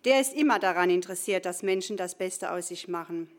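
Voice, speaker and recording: A woman's voice: lowish voice, a little fast, close to an everyday voice. Woman acting a courteous customer service clerk. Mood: polite, helpful. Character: polite female career-planning clerk at God's call centre. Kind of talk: scripted comedy sketch, phone hotline.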